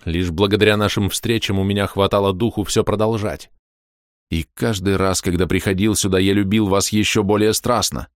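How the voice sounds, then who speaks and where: A man reading aloud and voicing a desperate, lovesick married man in a slow, heavy, low delivery. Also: steady tone, no echo, studio quality, natural voice. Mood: yearning. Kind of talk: audiobook character reading.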